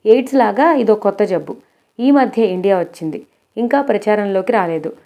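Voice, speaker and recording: A cheeky young college guy, as a woman reads him, showing off and spinning playful nonsense. The voice stays close to the reader's own, middling in pitch, in a storybook telling. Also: normal speed, warm tone, lightly acted. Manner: playful, boastful. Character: cheeky show-off young male college student.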